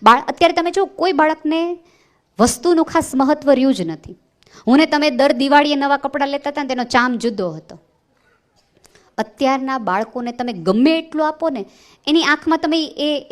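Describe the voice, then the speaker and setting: A woman's voice: sits high, animated, moderate pace. A woman motivational speaker, giving an earnest speech and telling stories, often repeating a phrase for weight.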